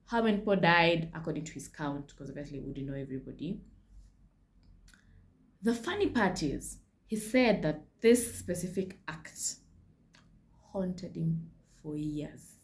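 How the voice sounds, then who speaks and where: A Kenyan woman hosting a casual history vlog, chatty, with frank asides and slips into Swahili. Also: mid-range voice. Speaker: history channel host.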